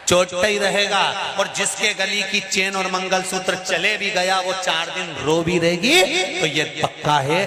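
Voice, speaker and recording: Echoing preacher, Malwa-accented man. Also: high-pitched. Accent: Malwa Hindi. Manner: lively, teasing, bursts into sung lines. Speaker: preacher telling a scripture story. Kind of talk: devotional sermon to a large crowd. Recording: echoey hall with long reverb.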